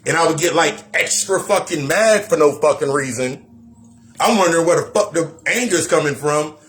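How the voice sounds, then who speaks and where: A man's voice: on the high side, fairly bright tone. A man giving a blunt, profane spiritual self-help monologue, repeating phrases and talking straight to the listener. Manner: preachy, talks straight to the listener.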